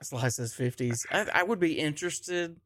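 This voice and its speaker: A man's voice: fairly high pitch, animated, moderate pace, fairly bright tone, no room sound. A man co-hosting a podcast in casual chat, joking, laughing often and reading out listener comments. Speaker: podcast co-host.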